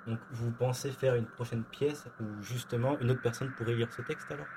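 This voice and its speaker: A man's voice: mid-range voice, steady tone, normal speed, background noise. A man interviewing guests on radio, asking polite, hesitant questions.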